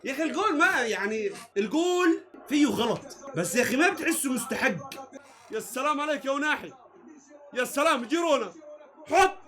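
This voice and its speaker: High-pitched excitable man. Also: a little fast. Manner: excitable, shouting and jeering at the match. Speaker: football reaction host. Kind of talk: live football match reaction.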